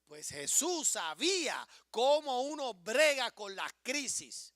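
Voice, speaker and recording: A man, preaching a sermon as pastor, moving from hushed storytelling to rising, impassioned declarations. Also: very high voice, sing-song, slow pace, dry recording, studio quality.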